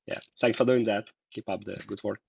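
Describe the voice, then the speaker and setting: A man's voice: fairly low pitch, fairly even intonation, brisk, gravelly, breathy edge, no echo. A man from Russia, a guest in a casual interview, talking hesitantly with many fillers and restarts. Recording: dull lo-fi sound.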